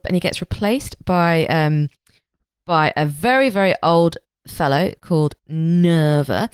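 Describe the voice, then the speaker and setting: A woman's voice: fairly low pitch, clean tone, no room sound. A woman co-hosting a podcast in casual chat, swearing freely and often restarting her sentences. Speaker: podcast co-host.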